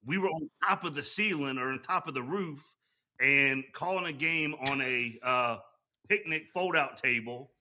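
A male guest broadcaster chats casually about sports. His voice is extremely bright and sharp, with a forceful edge, and his phrasing is informal and colloquial. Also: medium pitch, moderate pace. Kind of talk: casual sports chat and anecdotes.

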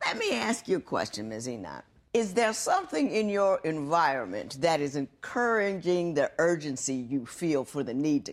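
A woman from Ohio presiding as a court show judge, questioning a couple in an animated, expressive way. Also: slightly rough. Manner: animated, expressive, swoops up high when excited.

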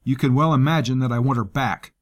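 A man's voice: medium pitch, a little fast, close to an everyday voice. A man voicing a stern male grand general who speaks in a formal, controlled way.

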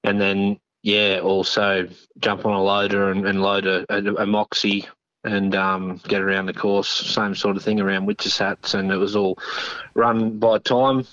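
Australian male interviewee, laconic understated drawl, low-pitched, casual, over a muffled phone line. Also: flat delivery, unhurried, fairly bright tone, no echo. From northern New South Wales, Australia. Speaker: interview guest, machinery operator.

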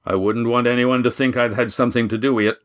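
A man narrator voicing a gruff innkeeper with a rumbling voice in an audiobook. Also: fairly even intonation, fast, lightly acted.

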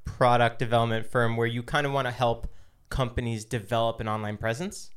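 Male interviewer, American, clean resonant voice at medium pitch, easygoing podcast chat. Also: flat delivery, brisk, clean tone. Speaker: podcast host.

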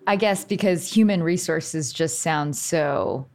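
Enthusiastic low-voiced woman hosting an interview. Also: darkish tone, slight background noise. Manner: bubbly, enthusiastic, quick bursts. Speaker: podcast host. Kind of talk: conversational interview.

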